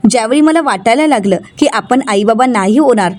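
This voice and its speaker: A woman's voice: fairly high pitch, animated, brisk, a little mellow, lightly acted. A woman voicing an overjoyed young husband, exclaiming as she reads the lines of a serial recap. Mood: elated.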